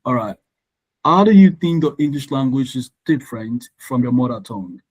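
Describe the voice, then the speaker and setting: A Nigerian man, a native Yoruba speaker, tutors an online exam-prep class with a medium-pitched, animated, slightly mellow voice at a normal speed. He explains things patiently, spells words out letter by letter, and keeps checking in with learners by asking "all right."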